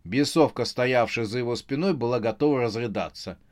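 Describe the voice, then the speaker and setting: A man's voice: mid-range voice, brisk. A man reading a comic horror novel aloud as narrator, expressively. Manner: expressive storytelling. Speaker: audiobook narrator. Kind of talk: scripted narration.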